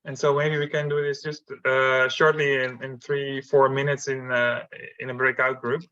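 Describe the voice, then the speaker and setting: A man teaching an online missions class, pausing often and speaking in halting starts through an interpreter. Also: mid-range voice, level tone, sharp tone, no echo. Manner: halting, stops and starts with many fillers. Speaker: missions trainer. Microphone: video call. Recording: dull lo-fi call audio.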